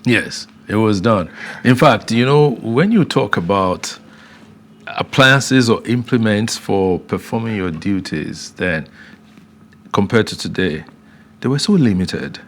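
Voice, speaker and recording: Male host, low and gravelly, attentive, affirms often, faint noise in the room. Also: lively intonation, slow pace. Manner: frequent affirming backchannels, attentive. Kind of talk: conversational interview.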